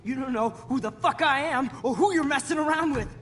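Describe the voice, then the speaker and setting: A man's voice: very high voice, fairly quick, fairly bright tone, slight background noise. An actor playing an unstable, entitled young man, agitated and menacing, in a dramatic video game scene. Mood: menacing rage. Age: young adult. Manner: agitated, menacing, swinging from muttering to outbursts. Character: unstable, entitled young male school bully.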